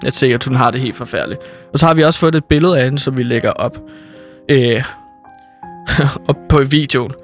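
A man's voice: medium pitch, long pauses, soft background music. A young Danish-speaking man co-hosting a casual comedic chat, playfully riffing and laughing as he acts out lines. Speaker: podcast co-host.

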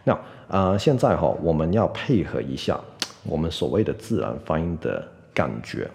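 Deep-voiced man teaching pronunciation. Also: big pitch swings, gravelly, a little mellow, in a large hall. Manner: patient, repeats words slowly, frequent "OK". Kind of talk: podcast pronunciation lesson.

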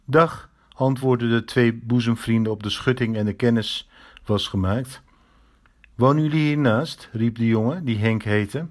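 Male storybook narrator, steady measured delivery, mid pitch. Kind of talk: storybook reading.

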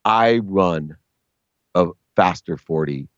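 A middle-aged man, a sports agent guest, telling stories in a casual, animated way and jumping to a high pitch when he quotes people. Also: takes it slowly, no echo. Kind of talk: casual storytelling. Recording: dry, dull lo-fi sound.

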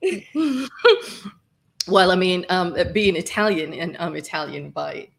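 A Somali woman is a podcast guest in a casual interview, speaking effusively and laughing often, with lots of fillers and restarts. Her fairly low, creaky voice has lively intonation, and she takes her time.

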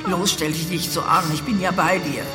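A woman's voice: on the low side, fairly even intonation, normal speed, in a large hall, close to an everyday voice. An actress playing a determined, level-headed young woman in a horror radio play, with music behind her. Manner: firm, reassuring, determined.

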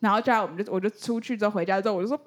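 A young woman with a Taiwanese Mandarin accent co-hosting a casual chat podcast, telling stories with lots of laughter. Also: racing. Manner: animated storyteller, laughs often, high-pitched when quoting. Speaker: podcast co-host.

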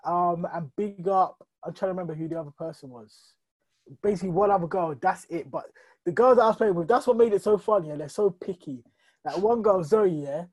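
A man's voice: high voice, fairly quick, darkish tone, rough recording. A man, a podcast guest chatting casually in slang and repeating phrases for emphasis. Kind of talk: casual chat.

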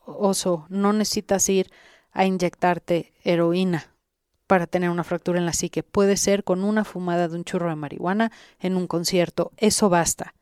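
Speaking directly to listeners in an instructive way, this interviewed guest who guides sessions has a Mexican Spanish accent and a fairly low, resonant, slightly mellow voice. She keeps a steady tone at a moderate pace and sounds clear. The podcast audio is dry and studio-clean.

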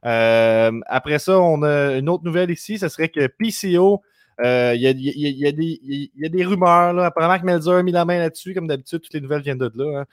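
A man's voice: on the high side, dry recording. Québécois guy hosting a podcast, rattling off news, dead dry sound. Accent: Québécois French. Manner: quick news rundown, lists words rapidly. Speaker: podcast host. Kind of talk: casual podcast chat.

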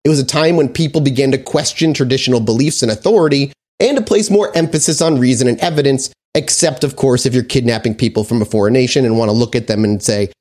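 A man hosts a casual history podcast, reading his research from notes with frequent fillers and restarts. He talks quickly with few pauses, in a mid-range voice with a darkish tone.

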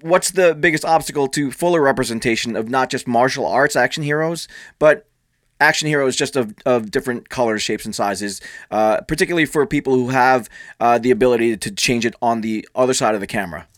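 A man's voice: medium pitch, brisk, no echo, clean studio sound. A man moderating a panel, putting long questions politely and deferentially to guests. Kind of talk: panel discussion.

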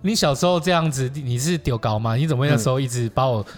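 A man with a Taiwanese Mandarin accent hosting a podcast, chiming in with quick reactions and teasing questions in casual chat. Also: medium pitch, animated, faint music behind.

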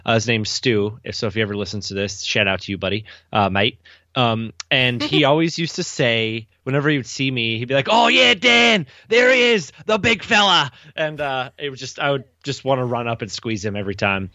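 A man's voice: medium pitch, a little fast, a bit bright, dry recording, highs cut off. A man co-hosting a wedding podcast as a photographer, chatting in a playful way and laughing often. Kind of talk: casual chat.

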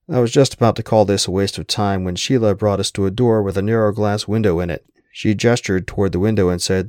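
Deep-voiced man narrating an audiobook. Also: a little mellow, no echo, clean studio sound. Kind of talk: first-person audiobook narration.

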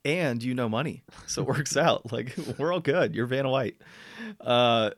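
Male podcast host, relaxed rambling chat, mid pitch, dry close mic. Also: moderate pace, dry recording. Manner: loose and chatty, lots of fillers and laughs. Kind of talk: casual chat.

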